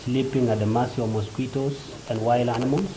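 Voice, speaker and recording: A man from South Sudan interpreting an interview in the first person, speaking in halting short phrases with many fillers. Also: medium pitch, fairly even intonation, dark tone. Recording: roomy echo with ambient noise.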